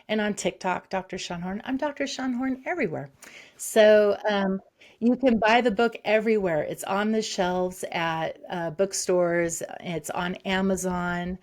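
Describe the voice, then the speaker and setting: A woman psychologist, a guest in an interview, talking casually in a lively, rambling way with many fillers and restarts. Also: mid-range voice, measured pace.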